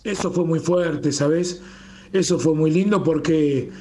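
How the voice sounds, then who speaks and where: A man's voice: a little high, unhurried, a little hiss or hum. A man with a Rioplatense Spanish accent, guest in a radio interview, talking with enthusiasm and often adding a questioning "¿no?". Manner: warm, enthusiastic, fond of rhetorical "¿no?". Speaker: guest, communications manager of a Japanese garden.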